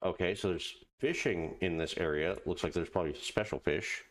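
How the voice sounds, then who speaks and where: A man giving casual let's play commentary, muttering halting asides to himself and reading on-screen text aloud. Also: deep voice. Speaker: gaming video host.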